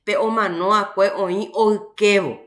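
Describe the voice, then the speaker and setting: A woman teacher from Paraguay giving a university language class, explaining slowly and often checking with "¿verdad?". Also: medium pitch, steady tone, roomy sound. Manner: slow, explanatory, frequent "¿verdad?" tags. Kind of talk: online class lecture.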